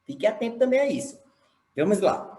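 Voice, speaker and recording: A Brazilian man teaches a lesson on camera, spelling words out letter by letter and checking in with the class. His voice sits on the higher side for a man. The room around him adds a noticeable echo. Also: big pitch swings, fairly quick, mellow. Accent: Brazilian Portuguese. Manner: explanatory, spells words out, checks understanding with "correto?". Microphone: camera mic. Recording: echoey room.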